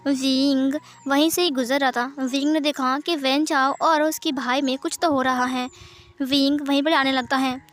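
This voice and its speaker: A woman reading a fan fiction story aloud, narrating and lightly voicing each character. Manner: voices each character with small pitch shifts.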